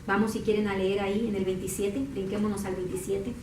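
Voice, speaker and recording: A woman preaching a sermon, moving from calm teaching to high, impassioned crying out. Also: fairly quick, background noise. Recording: echoey room from far off.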